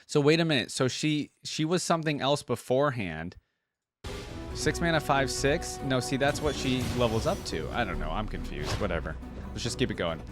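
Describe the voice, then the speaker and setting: This reaction video host, a man with a mid-range voice, speaks animatedly at a moderate pace, thinking aloud in loose, slangy gaming commentary. A game trailer and its theme music play in the background.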